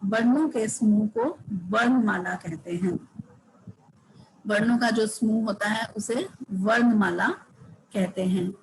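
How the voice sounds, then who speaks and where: Female school teacher, patient repetitive grammar lesson, mid pitch, slight background noise. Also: poor audio. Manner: slow, repetitive explanation, drawing out example words.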